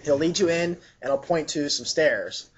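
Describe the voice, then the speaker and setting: A man working as game master, improvising narration for a tabletop game in a casual, halting way as he searches for words. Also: a little high. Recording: dull lo-fi sound, chatter behind.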